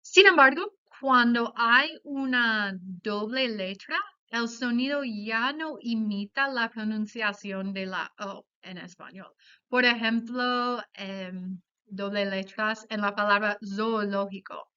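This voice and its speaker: A woman giving a class presentation on pronunciation, explaining carefully and saying example words slowly. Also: fairly high pitch, pushed and bright, smooth. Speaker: student presenter. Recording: dull lo-fi sound.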